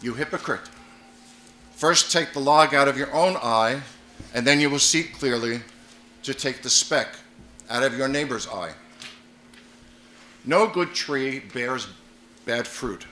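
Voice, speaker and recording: A man serving as priest, reading the gospel at Mass in a measured, solemn way, with a cathedral echo around his voice. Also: mid-range voice, sharp tone, a little hiss or hum. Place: large church. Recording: echoey church, voice from afar.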